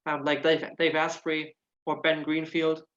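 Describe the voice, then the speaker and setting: This muffled clip features a German-born nutritional therapist whose German accent has an Irish tinge. His voice is slightly high and fairly bright, delivered completely flat and a little slowly. Answering casual interview questions as a guest, he's earnest and tends to repeat words as he hunts for them.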